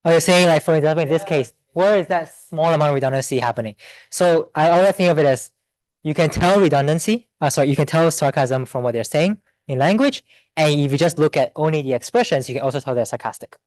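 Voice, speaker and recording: A man giving a seminar talk and answering audience questions in a quick, think-aloud way with restarts. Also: a little high, a little mellow, no room sound. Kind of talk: academic Q&A.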